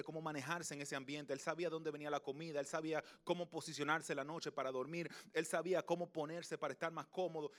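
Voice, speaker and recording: A young man preaching a sermon, telling a personal story and moving between loud passages and hushed, slow ones. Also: a little high. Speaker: pastor.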